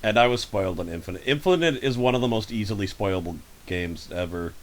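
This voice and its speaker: A man hosting a casual podcast over a voice call, telling rambling, animated stories. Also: lowish voice, fast talker. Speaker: podcast host. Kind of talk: casual chat. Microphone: home microphone over a voice call.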